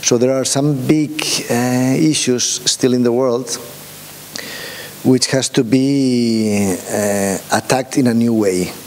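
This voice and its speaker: A workshop speaker talks informally in a conference room, his mid-range voice a little mellow and fairly even in intonation. He comes across as hesitant, halting through many restarts and fillers while asking the room questions. Expect long hall reverb and faint hiss on the recording.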